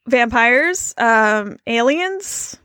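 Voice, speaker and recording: A woman co-hosting a casual movie chat, animated and rambling, laughing often. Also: on the high side, extremely slow, dry recording, clean studio sound. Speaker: podcast co-host.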